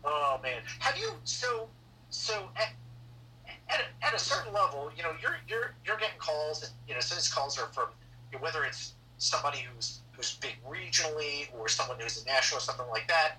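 Male interviewer, very bright tone, faint background noise, mic a little far off. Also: a little high, animated, fairly quick. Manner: rambling, searching questions with many restarts. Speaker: podcast host. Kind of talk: casual interview questions.

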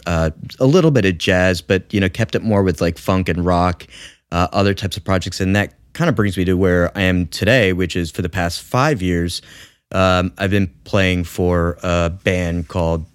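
A man's voice: low voice, fairly even intonation, normal speed, clear, resonant tone, dry recording, clean studio sound. A man in his thirties, a musician guest talking casually on a podcast, with many fillers and restarts. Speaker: guest bassist.

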